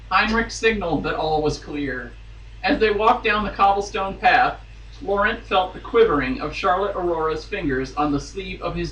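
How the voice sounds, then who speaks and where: His voice sits high, bright and forceful as he reads a romance novel with theatrical drama. He's a podcast guest reader who breaks into amused asides along the way. The recording is roomy, with a distant mic and faint noise.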